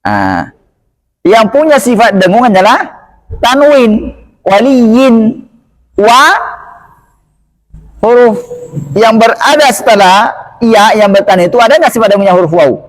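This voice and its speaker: A man with a fairly high voice teaches the rules of Quran recitation at an unhurried pace. He models each example word slowly, several times over, and checks his listeners with short questions. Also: lively intonation. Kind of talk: tajwid lesson.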